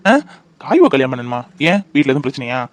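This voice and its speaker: A man's voice: medium pitch, sing-song, fast, natural voice. A man voicing a devoted young fiancé in a cartoon, coaxing and reassuring. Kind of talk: cartoon voice acting.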